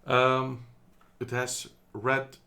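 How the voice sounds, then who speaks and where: Speaking very slowly in a monotone, a man from the Netherlands reviews a product casually, his medium-pitched voice gravelly and sharp. He's chatty but hesitant, with frequent ums and self-corrections. The audio comes from a phone camera indoors.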